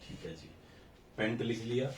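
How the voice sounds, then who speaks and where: A man's voice: medium pitch, moderate pace, recorded from a distance, soft background music. A man teaching a recorded chemistry lesson, explaining step by step and counting carbons aloud while mixing English terms into Hindi. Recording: echoey room, voice a bit off-mic, faint ambience.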